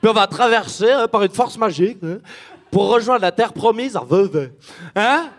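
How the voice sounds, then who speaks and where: A man's voice: sits high, animated, moderate pace. A man voicing a bumbling Swiss Moses who addresses his people with a Swiss French accent and many fillers. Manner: hesitant, with a filler after each phrase.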